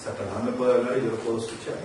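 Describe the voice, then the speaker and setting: A man preaching a sermon who asks the congregation questions and swings from loud to hushed. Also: medium pitch, level tone, very fast. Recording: echoey church from far off, noisy.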